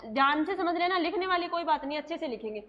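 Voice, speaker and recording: A woman's voice: very high-pitched, lively intonation, fast, highs cut off. A woman teaching a nursing class in a lecture style, asking questions and answering them herself.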